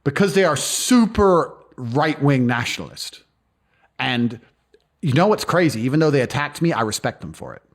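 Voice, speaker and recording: A man telling stories in a casual interview, blunt and profane. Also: medium pitch. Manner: fast, animated, profane storytelling. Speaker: guest.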